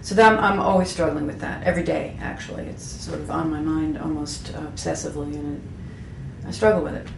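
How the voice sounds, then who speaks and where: A graphic designer in her mid-fifties is interviewed, reflecting candidly and with self-deprecation in a low, gravelly voice with fairly even intonation. She pauses often with fillers and restarts her sentences. The echoey room carries a faint hum underneath.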